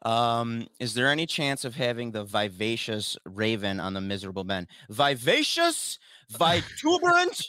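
A man's voice: on the low side, steady tone, moderate pace, few pauses, bright, forceful tone, clear, resonant tone, dry recording, clean studio sound. A man co-hosting a podcast in casual chat, laid-back as he reads out listener questions. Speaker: podcast co-host.

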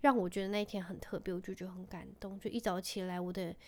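With a medium pitch, fairly even intonation, a quick pace and a darkish tone, this woman in her thirties hosts a podcast. She chats tenderly and casually about family life and laughs a lot.

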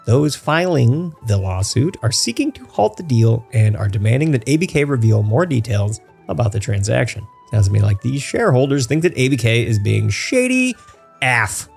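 A man's voice: medium pitch, big pitch swings, moderate pace, creaky, a little mellow, slightly rough, soft background music. A man hosting a casual podcast, rambling through news and laughing at his own jokes. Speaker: podcast host.

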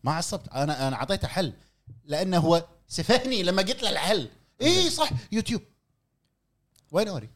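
A man, a podcast co-host, protesting insistently in a quick casual chat. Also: high voice, very animated, fairly bright tone.

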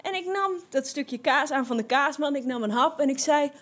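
A woman telling a personal anecdote in a lively, expressive way, with frequent fillers and restarts. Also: sits high, normal speed. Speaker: storyteller.

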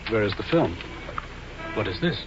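An actor playing a suave, self-assured spy courier in an old radio drama, courtly and formal. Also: male voice, lowish voice, expressive, normal speed, music in the background, close to an everyday voice. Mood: expectant, suspicious. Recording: muffled old radio, noisy street effects.

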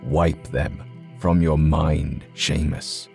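A man putting on an eerily calm companion, low and hushed. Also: takes it slowly, faint music behind. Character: eerily calm secretive male traveling companion.

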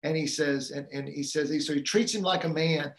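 A man's voice: on the high side, fairly even intonation, normal speed, echoey room. A man on a live community call, casually retelling a movie scene with many fillers and restarts. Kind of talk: casual storytelling talk.

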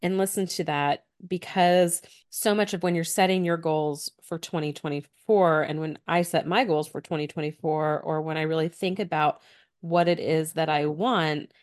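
A woman's voice: sits low, steady tone, normal speed, darkish tone. A woman co-hosting a podcast and speaking in the earnest, encouraging tone of a business coach. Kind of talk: casual podcast chat.

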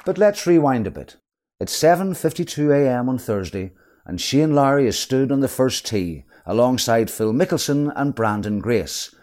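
Lively male sports documentary narrator. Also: mid-range voice, normal speed, a faint crowd. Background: background music.

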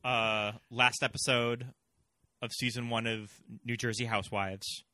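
A man's voice: mid-range voice, flat delivery, measured pace, bright, forceful tone, dry recording. A man discussing film casually as a podcast panelist.

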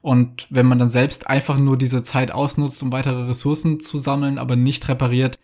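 Host guy, sets up long careful questions, mid pitch. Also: level tone, moderate pace, darkish tone. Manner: poses long, structured questions. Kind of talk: podcast interview.

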